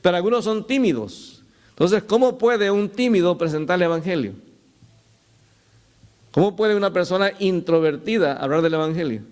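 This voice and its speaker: A man's voice: high-pitched, normal speed, a little mellow. A middle-aged man preaching a sermon as pastor, telling stories and calling his listeners "brother". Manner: storytelling, addresses listeners as "hermano".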